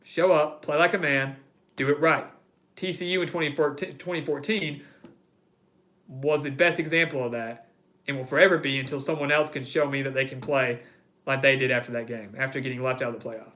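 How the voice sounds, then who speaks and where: A man's voice: medium pitch, fairly even intonation, a little fast, bright, forceful tone. A man hosting a live sports talk stream, reading viewer comments and ranting heatedly, repeating phrases for emphasis. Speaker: host of a live sports show.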